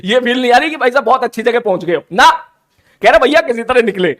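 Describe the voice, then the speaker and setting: A man, telling a funny personal story in a playful, animated, teasing way, like a teacher chatting with his class. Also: extremely high pitch, quick pace. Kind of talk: casual storytelling.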